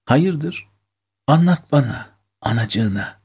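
A man voicing a tender-hearted older mother who talks to her son in a warm, motherly, urging way. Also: sits low, big pitch swings, normal speed, husky, exaggerated voice.

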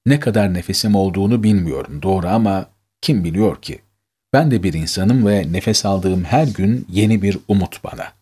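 A man reading aloud the love letter of a seriously ill woman, in an earnest, gentle, pleading way. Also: on the low side, husky.

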